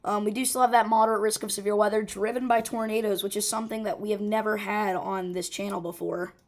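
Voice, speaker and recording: Talking fast but with a steady tone, a woman livestreams severe weather in a rough, hoarse, mid-range voice. She's urgent and informal, restarting often and using plenty of fillers.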